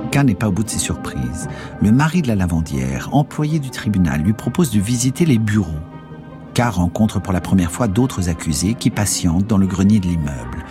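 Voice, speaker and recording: A man narrating a literary work in a measured, expressive way. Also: on the low side.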